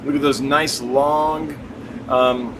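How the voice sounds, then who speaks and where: A man's voice: medium pitch, fairly even intonation, takes it slowly. Guy showing off stock in a fish warehouse, keen and chatty, off the cuff, noticeable ventilation hum in the background. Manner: enthusiastic, chatty. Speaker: fish seller giving a stock tour. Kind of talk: casual unscripted product tour narration. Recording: clear background noise, humming ventilation.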